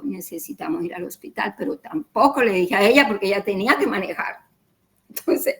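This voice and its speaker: A woman's voice: mid-range voice, creaky, fairly bright tone, rough recording. A middle-aged woman telling her personal story in an interview, acting out the dialogue in quoted voices and repeating words as she goes. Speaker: interview guest.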